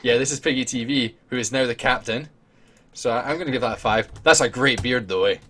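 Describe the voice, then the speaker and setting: A man hosting a casual podcast chat, jokey and quick to laugh. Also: medium pitch, a bit bright, slight background noise. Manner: giggly, jokey, laughs often. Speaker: podcast host.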